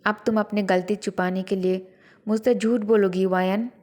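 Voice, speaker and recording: A woman's voice: mid-range voice, steady tone, normal speed, natural voice. A woman voicing a stern young husband who speaks heavily and sharply while holding his anger in check. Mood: angry. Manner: heavy, sharp, controlled.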